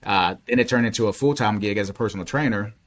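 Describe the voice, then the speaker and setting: Measured podcast co-host in his forties. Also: on the low side. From Bahamas, raised in Florida. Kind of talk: casual podcast conversation.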